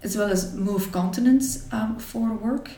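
A woman in her forties from Belgium, telling her life story to an interviewer in a thoughtful way, with many pauses and restarts. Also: medium pitch, warm tone, echoey room, far from the mic. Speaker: interview guest. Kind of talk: reflective personal storytelling.

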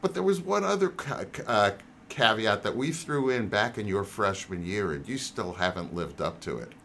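A man's voice: lowish voice, animated, moderate pace, gravelly, fairly bright tone, slight background noise. A man in his sixties hosting a podcast interview, reading a scripted intro and then teasing his guests playfully. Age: 60s. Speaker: podcast host.

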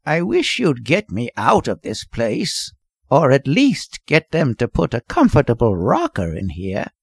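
A man's voice: medium pitch, wildly swooping pitch, creaky, slightly rough, dry recording, clean studio sound, heavily acted. A man voicing a weary, querulous old man in an audiobook story, with a cracked, weak, whining voice. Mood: querulous demanding. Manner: querulous, slow, complaining.

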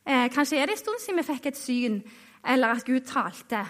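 A woman's voice: high voice, very animated, fairly bright tone. A woman giving a sermon to her congregation, speaking hesitantly with many fillers and restarts. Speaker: lay preacher.

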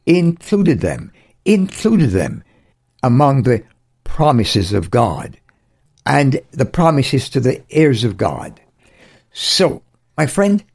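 A man's voice: medium pitch, a little mellow. A man preaching an earnest radio sermon as a Bible teacher, with emphatic repetition.

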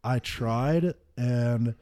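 Drawing out his words in a dark, mid-range voice, a football player in his twenties co-hosts a podcast. He's laid-back and chatty, telling stories and breaking into laughter easily.

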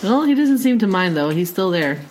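A woman's voice: medium pitch, brisk, noisy background. A woman co-hosting a casual podcast with her sister, teasing and laughing often. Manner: giggly, teasing, animated. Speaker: podcast co-host. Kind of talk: casual chat.

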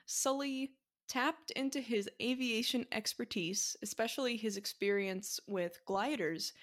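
A woman hosts a laid-back podcast, her voice at a middle pitch. She talks in a chatty, easygoing way, with frequent likes and ums. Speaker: podcast host. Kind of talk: casual podcast chat.

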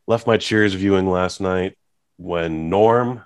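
A man with a fairly low voice hosts a casual podcast chat. He talks in an animated way and acts out the scenes he describes. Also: slow pace, clean tone. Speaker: podcast host.

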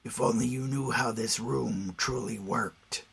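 A man voicing a hardened male adventurer who speaks low and tersely and barks orders in a fantasy story. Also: a little slow, vocal fry, a bit bright, slightly rough, full character voice. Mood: grim. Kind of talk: audio drama storytelling.

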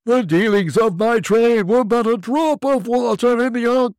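A man voicing the ghost of an old businessman, chained and tormented, in slow, mournful declamation in a storybook reading. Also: very high voice, clear, resonant tone, no echo, studio quality, voice pushed up. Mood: anguished.

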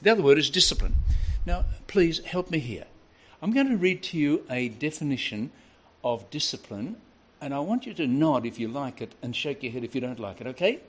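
An older man preaching a sermon, telling a family story with a lively, varied delivery. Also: a little high, brisk, few pauses.

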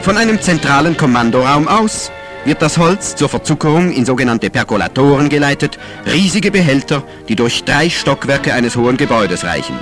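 A man's voice: medium pitch, normal speed. A man narrating an old newsreel in a declamatory announcer style, played from an archive soundtrack. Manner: lively, declamatory announcer delivery. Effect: old newsreel soundtrack with music behind. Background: music.

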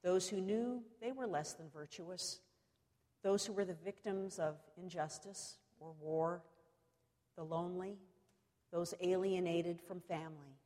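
A woman preacher delivering a cathedral sermon in measured, solemn oratory, pausing deliberately between short phrases. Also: on the low side, warm tone. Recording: long reverberant echo of a large hall.

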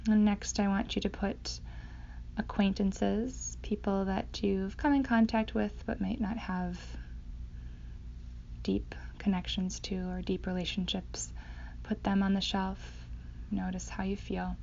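A woman leading a guided meditation in a slow, hypnotic, soothing manner with long pauses, her voice going breathy at phrase ends. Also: medium pitch, fairly even intonation, warm tone. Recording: dull sound, faint background noise.

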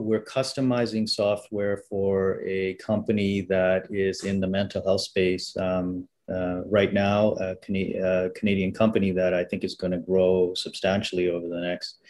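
A man with a fairly low voice answers at length as a guest. He speaks thoughtfully, restarting sentences and filling pauses as he works through his points. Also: a little mellow. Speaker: health software company guest. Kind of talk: business interview answer.

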